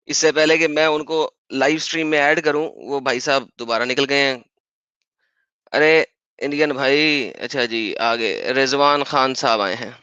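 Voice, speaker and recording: A man's voice: medium pitch, steady tone, bright, forceful tone, clear, resonant tone, no echo. A man hosting a live-streamed debate, insistent and polite, with formal honorifics. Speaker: livestream debate host. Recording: dull lo-fi stream audio.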